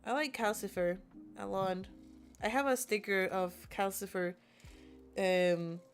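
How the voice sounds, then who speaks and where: A woman's voice: medium pitch, fairly even intonation, a little slow, faint music behind. Giggly young woman streaming, chatting with chat. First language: not English. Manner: giggly, chatty, reads chat messages aloud. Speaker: game streamer. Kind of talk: casual live-stream chat. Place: alone in a room.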